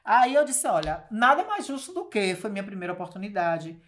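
A woman, a journalist telling stories in a colloquial, animated way during an interview. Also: mid-range voice, fairly quick. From Bahia, Brazil. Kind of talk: casual storytelling interview.

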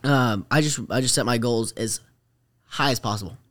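As a guest on a podcast, a young rodeo rider, late teens to young adult, chats in a relaxed, halting way, wandering off track and using slang. He speaks at a normal speed in a mid-range voice with a slightly bright edge.

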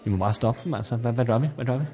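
A man's voice: medium pitch, dark tone, a faint crowd, natural voice. A man playing a worried, hesitant pub worker in an improvised comedy sketch. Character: nervous male pub worker.

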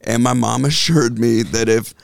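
A man's voice: medium pitch, fairly even intonation, moderate pace, creaky, dry recording, clean studio sound. A man speaking as a guest in a casual chat, telling stories in a wry manner.

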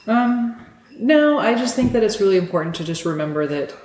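A woman's voice: mid-range voice, sing-song, a little fast, a little mellow, slight background noise. Woman, family podcast co-host, earnest, hesitant, echoey room. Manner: earnest, hesitant with many ums. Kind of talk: casual family faith podcast.

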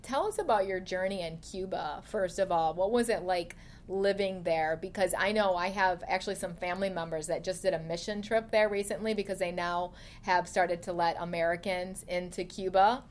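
A woman's voice: lowish voice, moderate pace, few pauses, slight background noise. A middle-aged woman hosting a podcast interview, speaking in an encouraging, enthusiastic way. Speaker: podcast host. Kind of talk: casual interview.

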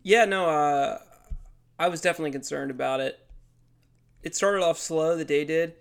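A man's voice: fairly high pitch, normal speed, vocal fry, smooth. A man co-hosting a podcast with casual sports talk, nasal as he gets over a sinus infection. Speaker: podcast co-host.

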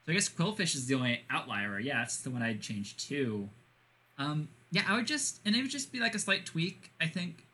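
Bright, hesitant male podcast panelist. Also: on the high side, big pitch swings, moderate pace. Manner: hesitant, thinking aloud. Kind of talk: casual podcast chat.

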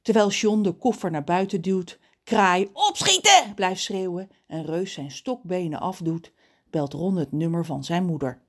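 A woman reading a children's story aloud in a lively, expressive way. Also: on the low side, unhurried.

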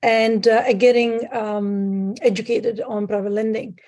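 A woman from Sicily, a guest on a call, talking through her past with many pauses and fillers. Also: on the high side, flat delivery, a little mellow. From Sicily, Italy. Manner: hesitant, many fillers, restarts. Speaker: guest, private lender. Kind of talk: conversational interview. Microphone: remote call.

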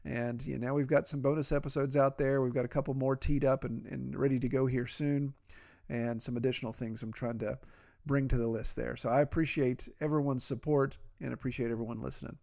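A man's voice: medium pitch, fairly even intonation, brisk, vocal fry, mellow. A man with an Appalachian drawl, talking casually and in a folksy, self-deprecating way as a podcast host. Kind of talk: casual, conversational podcast monologue.

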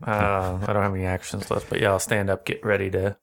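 A man's voice: sits low, completely flat delivery, fast talker, creaky, fairly bright tone. A man playing a tabletop game, chatting casually and joking often. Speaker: player.

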